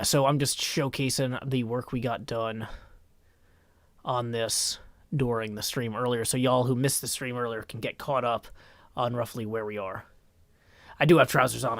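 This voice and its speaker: A man hosting a casual livestream in a raspy, strained put-on voice, chatting and reading viewer comments into a boom mic. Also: fairly bright tone, no room sound. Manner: rambling, chatty, talks to chat while working on a build. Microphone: boom microphone.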